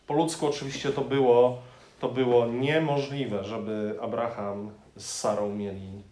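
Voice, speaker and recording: A man preaching a sermon, lively and emphatic, often addressing the listeners directly. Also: mid-range voice, unhurried. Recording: echoey room, faint noise.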